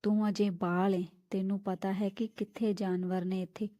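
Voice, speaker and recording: A woman voicing a kindly older male ascetic guru who speaks to a child gently and coaxingly in a storybook reading. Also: medium pitch, level tone, moderate pace, no room sound, dull audio, close to an everyday voice. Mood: gentle.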